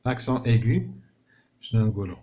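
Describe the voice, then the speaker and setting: A man's voice: fairly low pitch, expressive, fast, darkish tone. Patient Moroccan male teacher, muffled recording. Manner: patient, explanatory, repeats and checks understanding. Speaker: primary school teacher. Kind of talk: explaining a French textbook lesson in Moroccan Arabic.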